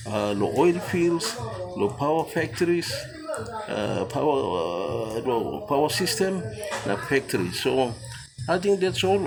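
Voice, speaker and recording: Male instructor, Papua New Guinean accent, English mixed with Tok Pisin pidgin, gravelly fry, halting informal lesson delivery over clearly audible music. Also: a little high, rough recording.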